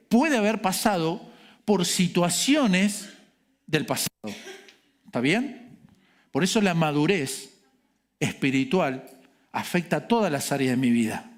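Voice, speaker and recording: A man with an Argentine accent preaching a sermon, his voice sitting a little high for a man. He speaks conversationally, poses rhetorical questions and drops in playful asides to his congregation. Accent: Argentine Spanish. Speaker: pastor.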